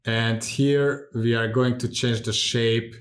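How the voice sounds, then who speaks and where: A man in his thirties from Hungary talks through a software tutorial in a calm, methodical way. His voice sits at an average pitch for a man. He speaks seated at a desk in a home studio. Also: slow. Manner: calm, methodical step-by-step explaining. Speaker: tutorial host. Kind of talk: screen-recorded software tutorial.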